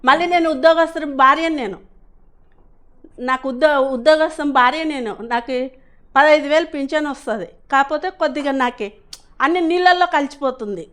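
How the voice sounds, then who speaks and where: Earnest high-voiced woman. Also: moderate pace, a bit bright. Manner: rambling, earnest storytelling. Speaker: class attendee giving feedback. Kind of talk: personal testimonial.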